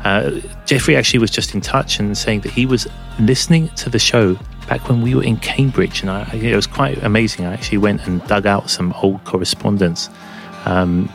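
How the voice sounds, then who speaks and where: A man's voice: lowish voice, gravelly. A man presenting a music podcast in a casual, enthusiastic but rambling way, recorded at home under a blanket. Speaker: podcast host and DJ.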